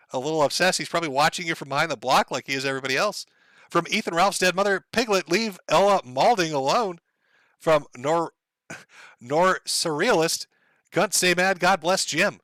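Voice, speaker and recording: A man hosting a livestream, reading viewer donations out loud and telling stories in a casual, profane way, often laughing. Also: sits high, dry recording. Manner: profane, laughing, rambling storyteller.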